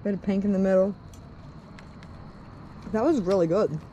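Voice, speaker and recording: A young Australian woman on a camping vlog, relaxed and matter-of-fact, recorded outdoors on a camera. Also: medium pitch, normal speed, muffled recording. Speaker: vlogger. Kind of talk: casual camping chat. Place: outdoor beach campsite. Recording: outdoor camera with clear background noise.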